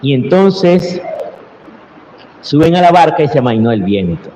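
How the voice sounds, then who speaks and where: A priest preaching a slow, earnest Sunday homily, his voice rising into cried-out prayers, recorded in a large church. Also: on the high side, sing-song, warm tone, a little hiss or hum. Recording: roomy church reverb with faint ambience.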